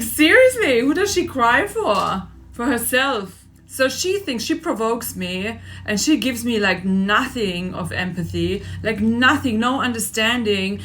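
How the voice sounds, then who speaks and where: A woman's voice: a little high, expressive, a little slow, a bit bright. A woman in her forties ranting in a personal vlog, agitated and repeating herself for emphasis. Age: 40s. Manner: agitated, venting, repetitive emphasis. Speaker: vlogger. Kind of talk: emotional personal vlog rant.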